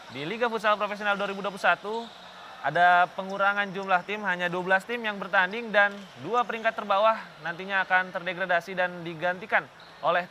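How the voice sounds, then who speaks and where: Male TV sports commentator, high voice, live match presentation, clear arena noise behind. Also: bright, forceful tone.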